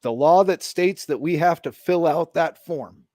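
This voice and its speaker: A man's voice: on the high side, a little slow, warm tone, no echo. A man hosting a casual call-in chat, swearing freely and laughing often while he feels the cold. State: cold and trying not to shiver. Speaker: podcast host making calls.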